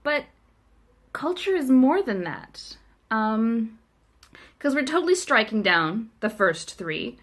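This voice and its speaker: This Afrikaans-speaking South African vlogger, a chatty young woman, speaks high with big pitch swings, taking her time and pausing often. It's a casual video letter to a friend, delivered wryly and self-mockingly with frequent ums.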